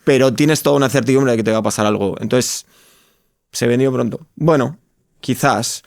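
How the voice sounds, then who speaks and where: Heard in clean, dry studio sound, this man's mid-range, gravelly voice moves at normal speed. He is a Madrid-born startup co-founder with a Spanish accent from Spain, looking back on his personal story in an interview and frequently rewording what he says.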